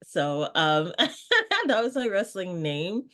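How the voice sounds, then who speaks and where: Brief: young adult woman, interview guest from Canada, lively and casual, laughs easily. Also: mid-range voice, slow pace. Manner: animated, laughs often, acts out quoted voices. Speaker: guest, brand strategist.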